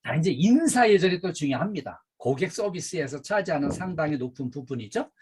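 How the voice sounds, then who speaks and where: A middle-aged man giving a workplace training lecture, emphatic and animated, with frequent fillers. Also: fairly high pitch, brisk, slight background noise. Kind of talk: safety and customer service training lecture.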